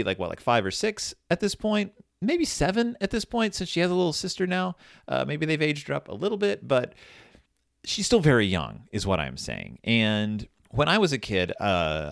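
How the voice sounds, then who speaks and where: A man's voice: on the low side, creaky, no room sound, clean studio sound. A man in his forties, reviewing a book in a casual chat and telling a rambling story, correcting himself as he goes. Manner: rambling, self-correcting, animated.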